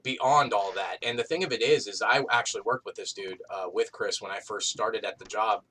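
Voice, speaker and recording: A man hosts a casual, crude round table chat, rambling and repeating himself as he goes. His voice is lowish, brisk, and sharp-toned, picked up by a distant, noisy mic with clicks.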